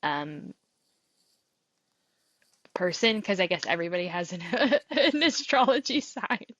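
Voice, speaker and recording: A woman's voice: on the low side, big pitch swings, a little slow, a bit bright, no room sound. Woman podcast cohost, laid back, giggly, muffled dry lo-fi audio. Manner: easygoing, laughs along between lines. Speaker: podcast co-host. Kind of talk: casual chat.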